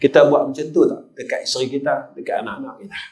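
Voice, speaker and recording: An older preacher with a Kedah Malay accent talks at a quick pace in a mid-range, darkish voice. Telling stories to the congregation, he often speaks to them directly and repeatedly calls them sirs.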